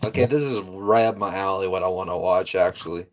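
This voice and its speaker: A man's voice: low-pitched, a little fast, background noise. A man hosting a casual reaction video, talking in a rambling, incredulous way and often laughing.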